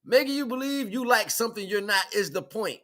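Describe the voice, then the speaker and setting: With a voice that sits high and a fairly quick delivery, this American livestream host preaches an informal spiritual monologue. He is animated and colloquial and leans on repeated phrases.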